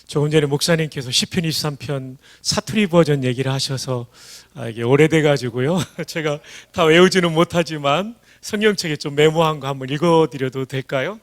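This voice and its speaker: A man from Daejeon preaching as a guest pastor at a revival service, humble and halting. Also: fairly high pitch. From Daejeon, South Korea. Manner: warm, humble, halting with fillers. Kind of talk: revival sermon. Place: church sanctuary.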